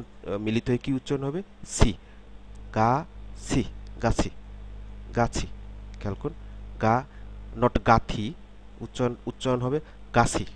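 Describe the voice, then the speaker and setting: A man's voice: mid-range voice, a little mellow. A man giving a step-by-step pronunciation lesson, repeating each example sound several times and asking checking questions. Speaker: language teacher.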